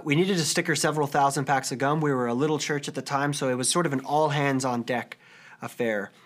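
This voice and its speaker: A man in his thirties preaches with an earnest, conversational warmth, slipping easily into personal stories with a few casual fillers. His voice sits a little higher than most men's. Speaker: pastor. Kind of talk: sermon.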